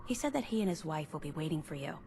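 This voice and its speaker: A woman voicing a brisk young secretary at a detective agency in a video game, teasing and matter-of-fact. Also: sits low, very animated, very noisy.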